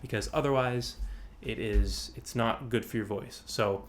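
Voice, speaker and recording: A man's voice: lowish voice, measured pace, slight background noise. A man teaching an online singing workshop, explaining breath support, with loose, rambling phrasing full of restarts. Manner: demonstrates sighs and sung examples. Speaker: vocal coach. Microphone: video call.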